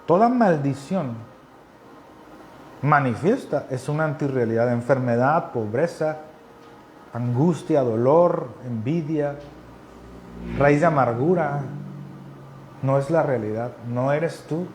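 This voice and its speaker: An earnest male preacher teaches a sermon. His voice sits at a middle pitch and his delivery stays conversational while he leans on repeated phrases. A faint hum of noise sits behind him. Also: animated, slow, pauses often, darkish tone.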